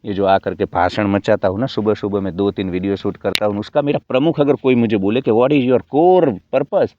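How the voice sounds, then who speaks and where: A man delivering a sarcastic, preachy motivational monologue, swinging between loud outbursts and low mutters. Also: fairly quick, a little hiss or hum. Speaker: motivational video creator. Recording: dull dry recording.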